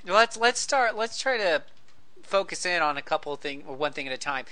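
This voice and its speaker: A man's voice: fairly high pitch, expressive, fairly quick, sharp tone. A man hosting a casual panel discussion, putting questions to the other speakers. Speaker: host, moderator.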